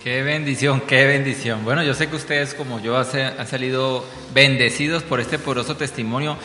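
Bright-voiced male church host, echoey. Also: mid-range voice, fairly even intonation, normal speed. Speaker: program host. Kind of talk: church program hosting. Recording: echoey hall from afar, soft music.

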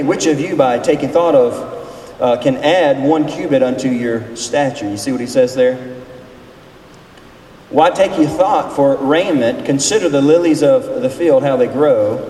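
With a fairly high, dark-toned voice, a man in his forties leads a seminar session as a pastor, delivering a casual sermon. He engages the group in a folksy, chatty manner, putting questions to them. The room is large and reverberant, and the distant recording is echoey with noise.

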